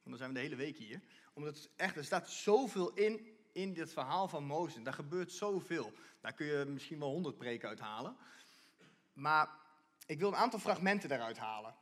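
Male preacher, somewhat high voice, animated sermon delivery with restarts. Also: moderate pace. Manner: animated, repeats and restarts, reads scripture aloud.

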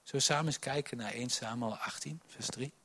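A man preaching a sermon, telling Bible stories with many restarts, dropping to soft asides and rising to loud emphasis. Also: medium pitch, fast, slightly rough.

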